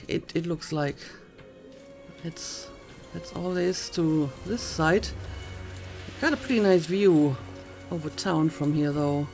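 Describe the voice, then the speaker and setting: A woman's voice: deep voice, a little mellow. A woman giving casual let's play commentary, musing and thinking aloud as she goes.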